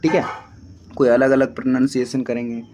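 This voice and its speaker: A man's voice: mid-range voice, little pitch movement, fairly quick, a little mellow, a little hiss or hum. A young man giving a spoken English lesson, patiently repeating each point and answering his own questions. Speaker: teacher.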